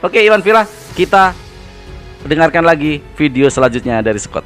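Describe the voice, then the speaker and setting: Brief: male host, combative polemical reaction commentary, a touch high-pitched, soft music underneath. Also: very animated, normal speed. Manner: mocking, combative. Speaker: channel host.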